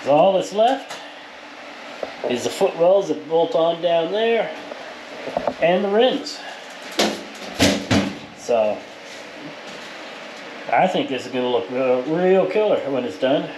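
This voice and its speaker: A powder coater with a slightly high voice talks viewers through his shop's work, animated yet slow and often pausing. The narration is plain-spoken, casual and explanatory, recorded hands-on in the powder coating workshop with clear background shop noise.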